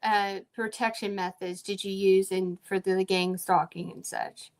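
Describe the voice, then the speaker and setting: A woman podcast host asking her guest questions, pausing and searching for her words. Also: medium pitch, steady tone. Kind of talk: interview questions.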